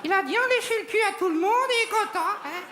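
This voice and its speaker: A ventriloquist voicing a cheeky, foul-mouthed male monkey puppet in a high squeaky voice, live on stage. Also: lively intonation, fast, bright, forceful tone, full character voice. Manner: cheeky, crude, interrupting. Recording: live show with crowd noise.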